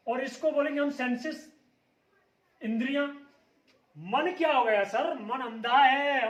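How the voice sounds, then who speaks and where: A man's voice: extremely high pitch, a bit bright, echoey room. A man giving a motivational speech, asking rhetorical questions and answering them himself with strong emphasis. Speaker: motivational speaker.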